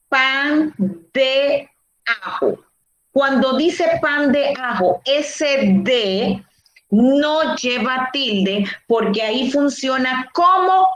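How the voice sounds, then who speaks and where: Slow-speaking woman teacher in a roomy online class. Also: high voice, muffled recording. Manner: slow, deliberate explaining with frequent fillers and self-corrections. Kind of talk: online Spanish grammar lesson. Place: home room, recorded for a virtual class.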